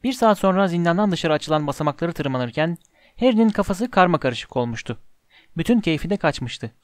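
A man narrates a storybook in a calm, measured audiobook reading. His voice sits on the higher side for a man. The recording is dry and close, with no room sound around it. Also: no echo.

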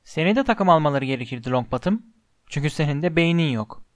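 A man reads a spiteful schoolboy bully with a mocking, taunting edge in a slightly high voice. The audiobook sound is close and dry. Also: expressive, fast, dry recording, lightly acted. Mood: sneering. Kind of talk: audiobook character voice.

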